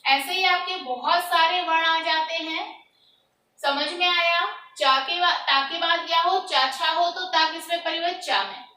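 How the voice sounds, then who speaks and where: High, slow-talking woman teacher. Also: bright, forceful tone, echoey room, far from the mic, rough recording. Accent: Hindi. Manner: asks quiz questions and answers them herself. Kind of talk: classroom lesson on grammar.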